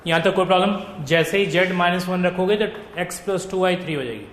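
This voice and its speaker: A man's voice: sits high, fairly quick, fairly bright tone. A male economics tutor, dictating notes in a lecture and checking with his students. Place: classroom. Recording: echoey classroom with faint noise.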